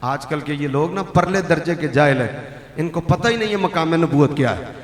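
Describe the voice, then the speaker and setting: A man preaching a sermon to a gathering, swinging from soft talk to loud, dramatic shouting. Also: a little high, animated, normal speed. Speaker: religious preacher. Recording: echoey hall with long reverb.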